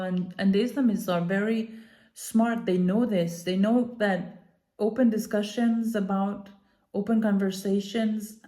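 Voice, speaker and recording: Earnest and hesitant, a woman who left Iran for Denmark as a child talks to camera with improvised opinion commentary. She is a commentator and activist with a mellow, medium-pitched voice, and she leans on deliberate emphasis.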